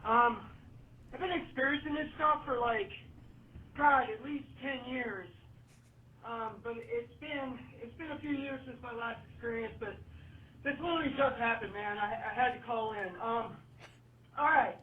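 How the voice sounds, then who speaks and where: A woman's voice: on the high side, normal speed. A woman caller leaving a shaken, rambling voicemail, played back as an answering machine message. She is full of fillers and keeps saying "man" and "dude.". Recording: muffled, echoey voicemail from far off with faint hiss.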